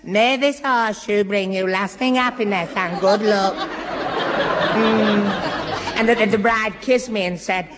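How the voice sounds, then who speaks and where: A man's voice: high voice, measured pace. A man playing a bumbling, stammering young fiancé in 1950s radio comedy, heard on an old broadcast recording. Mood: flustered. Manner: stammering, muddled and tongue-tied. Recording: hissy old broadcast with long hall reverb.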